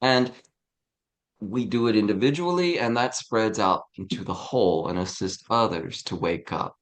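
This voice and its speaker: A man teaching a casual spiritual study class, relaxed and chuckling often, checking in with his listeners as he goes. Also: fairly low pitch, normal speed. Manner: relaxed, chuckling, frequent "right?". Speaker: teacher of a tarot study group.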